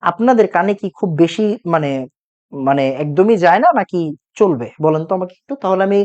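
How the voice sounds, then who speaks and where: A man's voice: high voice, a little fast, a little mellow, dull audio. A young man teaching a chemistry class online, with a sore throat, repeating each point and quizzing his students. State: sore throat from talking loudly.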